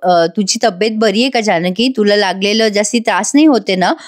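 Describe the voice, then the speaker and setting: A woman's voice: medium pitch, a little fast, natural voice. Brief: earnest, worried young husband, read by a woman, cautious.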